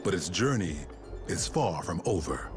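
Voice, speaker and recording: Deep-voiced man narrating a nature documentary. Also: big pitch swings, measured pace. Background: music under the voice.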